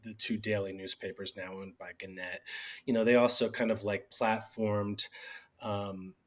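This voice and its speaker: Speaking at a moderate pace with little pitch movement, a middle-aged man with a lowish voice rambles through a casual interview. He's a newspaper editor from Bucks County, Pennsylvania, appearing as a guest, and he uses many fillers and restarts.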